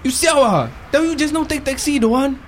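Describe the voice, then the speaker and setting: A man plays an exasperated Singaporean passenger in a comedy sketch. His Singlish is very high and swoops animatedly, with noticeable vehicle noise behind. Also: expressive, fairly quick. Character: exasperated, sceptical male passenger friend of a drunk. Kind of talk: comedy podcast sketch acting.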